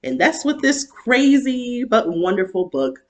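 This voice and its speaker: A woman's voice: on the high side, lively intonation, unhurried, darkish tone. A tipsy woman co-hosting a book club, chatting casually in a loose, rambling, giggly way. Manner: giggly, breaks often into laughter. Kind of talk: casual book review chat.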